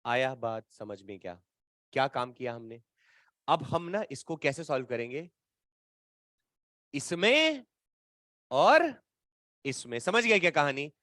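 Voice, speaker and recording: A man's voice: mid-range voice, big pitch swings, slow pace, pauses often, bright, forceful tone, dry recording, clean studio sound. A man teaching physics in a lecture, explaining step by step and teasing his students with playful colloquial asides. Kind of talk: classroom lecture at a whiteboard.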